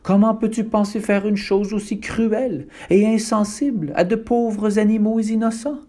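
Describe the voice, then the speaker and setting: A man's voice: high-pitched, steady tone, normal speed, mellow, voice pushed up, natural voice. Man doing a preachy eco-minded little girl. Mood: indignant. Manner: indignant, preachy. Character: earnest young girl, animal-rights activist.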